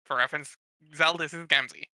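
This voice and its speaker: A man with a very bright, sharp, fairly high voice leads a casual read-aloud. He banters as he narrates, recorded dry and close. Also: steady tone, fast talker, dry recording. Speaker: session leader and narrator.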